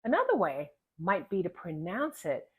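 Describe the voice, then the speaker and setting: A woman giving a pronunciation lesson as a teacher, deliberately over-articulating the practice words. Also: lowish voice, wildly swooping pitch, husky.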